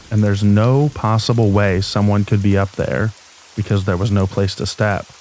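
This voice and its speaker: A man with a fairly low voice narrates scripted scary stories as a sleep aid. His delivery is calm and steady. A soft bed of falling rain runs faintly behind him. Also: a little hiss or hum, poor audio. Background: rain ambience.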